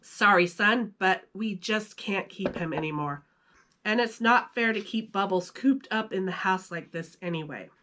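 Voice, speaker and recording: Woman doing Goofy, slow folksy cartoon dog dad. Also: mid-range voice, sharp tone. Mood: fed up.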